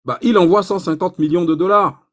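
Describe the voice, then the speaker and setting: A man giving an informal economics lesson, animated and provocative, asking himself rhetorical questions. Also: high-pitched, brisk. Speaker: economics explainer.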